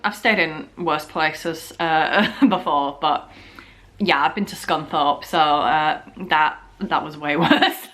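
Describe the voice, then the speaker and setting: In a casual storytime vlog filmed at home, a young woman with a slightly sore, scratchy throat chats and jokes, sprinkling in plenty of "like"s. Her voice is low with a sharp tone.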